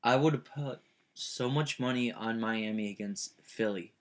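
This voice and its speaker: A man's voice: lowish voice, unhurried. Blunt, swearing young man in sports chat. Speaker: sports talk show co-host.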